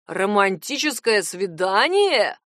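A woman voicing a nosy, hotheaded young male cousin who keeps pressing with loud, insistent questions. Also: on the high side, expressive, moderate pace, no room sound, studio quality. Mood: scheming, mocking.

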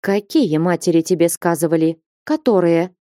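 A woman's voice: lowish voice, moderate pace, mellow, no echo, studio quality, natural voice. A woman reading an audiobook voices a stern older abbess who speaks curtly and with agitation. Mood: agitated.

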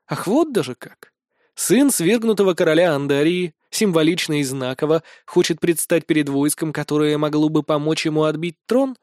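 A man's voice: fairly high pitch, moderate pace, a little mellow, no room sound, studio quality. A man reading first-person fantasy narration for an audiobook, in a wry, colloquial way with mild swearing.

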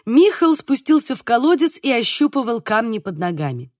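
A woman narrating an audiobook in an expressive, animated reading. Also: fairly high pitch, moderate pace, no room sound, clean studio sound.

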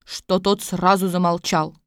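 A woman narrating a fairy-tale audiobook in a lively, expressive way. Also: fairly low pitch, measured pace, clear, resonant tone, no echo, clean studio sound. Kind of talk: scripted storybook narration.

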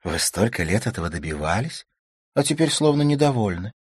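A man reading a novel aloud and voicing a polite, gentle young lady of the house with a mild, soft-spoken manner. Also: on the low side, very animated, fairly quick, husky, dry recording, studio quality, voice pushed up.

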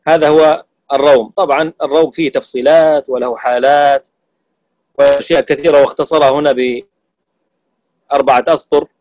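A man teaching Quran recitation rules to students, explaining terms and slowly demonstrating how sounds are pronounced. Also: mid-range voice, darkish tone, no echo, rough recording. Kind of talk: classroom lesson on tajweed.

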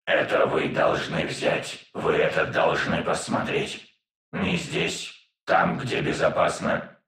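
A man voicing an old male cyborg in a flat, mechanical half-whisper with an echoing robotic filter, as in an audiobook. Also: rumbling low, slow pace, gravelly, full character voice. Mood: grave. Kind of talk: audiobook narration.

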